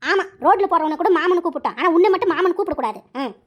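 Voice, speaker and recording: Brief: woman doing a very high, fast-talking scornful cartoon aunt, rapid-fire taunts. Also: lively intonation, muffled recording. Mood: scolding. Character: quarrelsome middle-aged aunt, sharp-tongued and scornful. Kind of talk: animated cartoon voice acting.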